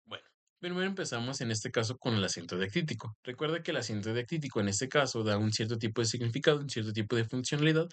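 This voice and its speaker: A man, a teacher explaining rules step by step and often filling pauses with the same stock phrase. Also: fairly low pitch, fairly bright tone. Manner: explanatory, repeats "en este caso" as a filler. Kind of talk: recorded grammar lesson.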